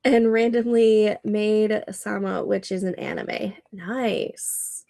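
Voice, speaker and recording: Speaking slowly in a mellow, creaky, mid-range voice with fairly even intonation, a woman in her thirties hosts a casual livestream. Nasal and congested, she chats, reads the chat aloud and laughs often, in studio-quality audio with no echo.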